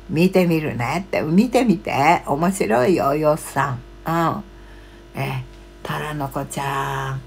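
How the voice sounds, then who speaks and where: Gravelly low-voiced woman in her seventies. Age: 70s. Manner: short murmured acknowledgements, halting comment reading. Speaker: live streamer. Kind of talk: casual chat, reading out viewer comments. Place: small cluttered room at home, indoors. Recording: low electrical mains hum.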